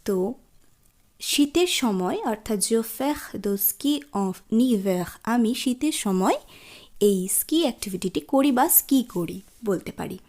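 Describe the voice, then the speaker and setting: A woman whose first language is Bengali, teaching beginners French in an online lesson and pronouncing each French phrase slowly and carefully. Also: a little high, expressive, a little mellow.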